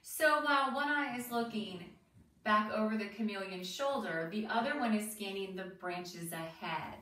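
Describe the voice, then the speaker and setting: Reading a children's book aloud like a teacher, this woman is expressive and deliberate, breaking off for asides and questions to young listeners. Her pitch is medium, and the recording sounds roomy and distant with faint noise.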